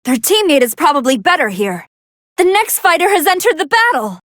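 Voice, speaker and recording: Android 21, a high-pitched scientist commentator. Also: female voice, sing-song, a little fast, fairly bright tone, no room sound, studio quality. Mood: composed, analytical. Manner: articulate, analytical, formal. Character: brainy female android scientist commentating on battles. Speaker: fight commentator. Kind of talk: scripted video game match commentary.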